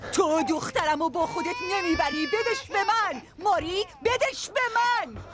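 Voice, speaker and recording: An actress dubbing a frantic mother who demands her baby back, then sobs while hushing the child. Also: very high voice, animated. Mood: furious. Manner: pleading, commanding, then sobbing and hushing. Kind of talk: dubbed TV drama. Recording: dubbed dialogue over loud noise.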